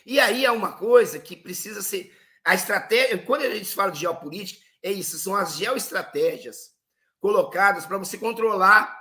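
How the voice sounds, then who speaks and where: Bright high-pitched male lecturer. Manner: explanatory, poses rhetorical questions and answers them. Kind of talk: lecture on history and geopolitics.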